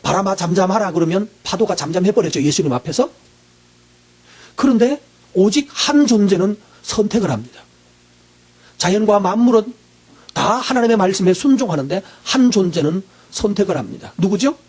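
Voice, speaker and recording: A male pastor preaching a sermon, asking the congregation questions and answering them himself, often clearing his throat. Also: high-pitched, expressive, normal speed, a little mellow.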